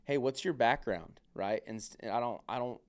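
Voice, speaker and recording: A man talks on a podcast in a rambling, casual way, swearing freely and padding his sentences with filler words. His voice is smooth and resonant at an ordinary pitch. Now and then he drops into other people's voices to act out what they said. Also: moderate pace. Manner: acts out other people's remarks.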